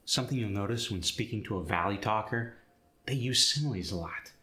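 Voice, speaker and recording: Male instructor, lowish bright voice, explanatory scripted lesson delivery, echoey room. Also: fairly quick. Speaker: accent instructor. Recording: roomy echo.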